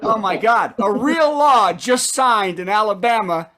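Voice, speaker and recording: Comedy show host, mid-pitched voice, punchy late-night topical jokes, setup-and-punchline delivery with asides. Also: expressive, unhurried, pushed and bright. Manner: sets up news items then delivers punchlines, with asides to the audience.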